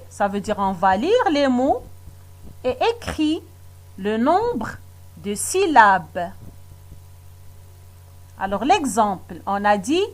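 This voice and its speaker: A woman leads a children's reading lesson, with a high voice that rises and falls a great deal. She speaks very slowly and patiently, asking questions and praising the class again and again. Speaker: teacher.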